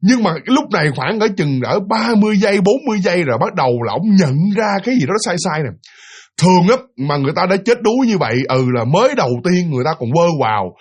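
Chatty Southern Vietnamese man telling spooky stories; quick, husky delivery. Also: high-pitched, very animated. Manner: chatty, addresses listeners directly. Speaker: storyteller. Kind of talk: spooky storytelling.

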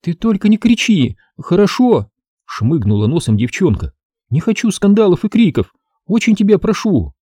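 A man's voice: high-pitched, very animated, normal speed, dark tone, dry recording, voice pushed up. A man voicing a pleading, stubborn teenage girl in an audiobook, whining to get her way. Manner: pleading, whiny.

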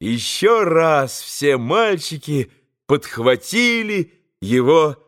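Male narrator, classic audiobook, lively intonation, slow and measured. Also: fairly high pitch. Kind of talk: scripted literary narration.

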